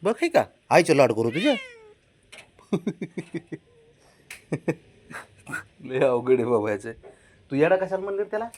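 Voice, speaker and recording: A man's voice: a little high, sing-song, takes it slowly, long pauses, darkish tone. A man at home coaxing and teasing his pet cat in playful baby talk. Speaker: cat owner.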